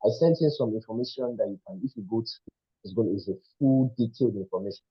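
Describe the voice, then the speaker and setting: A man's voice: lowish voice, fast talker, slightly rough, no echo. A man leading a group call who explains things in a preacher-like way, repeating himself and restarting his sentences, speaking through headphones. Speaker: team leader answering questions. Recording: dry muffled online call audio.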